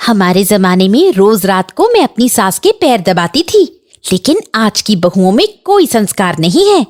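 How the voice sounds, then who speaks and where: A woman's voice: medium pitch, very animated, moderate pace, natural voice. A woman voicing a bossy, demanding older aunt in a Hindi cartoon, complaining and scolding.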